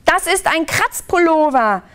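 A woman voicing a stubborn little girl who goes red with anger in a children's story reading, with defiant, shrill insistence. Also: expressive, a little slow, a bit bright, full character voice.

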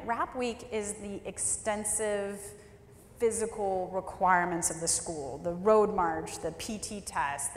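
A woman in her thirties delivers a keynote, telling a personal story in a candid, wry and emphatic way. Her voice sits at an ordinary pitch. It carries through a large hall with a long, roomy reverb. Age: 30s. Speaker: keynote speaker. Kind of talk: storytelling speech. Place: large hall at a leadership forum.

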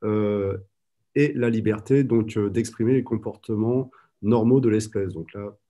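A man gives a conference presentation over a video call, speaking from a room at home. His voice is low and husky with a dark, mellow tone. He talks hesitantly, filling his pauses with constant fillers. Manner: hesitant, many "euh" fillers. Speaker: guide dog trainer presenting at a conference.

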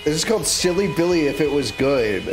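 Young guy reacting to clips, swoopy voice, laughs a lot, loud music behind him. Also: on the high side, brisk. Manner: animated, laughs often, exclaims at clips. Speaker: streamer reacting to videos. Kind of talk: reaction commentary. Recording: music playing loudly behind the voice. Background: clip audio and music playing.

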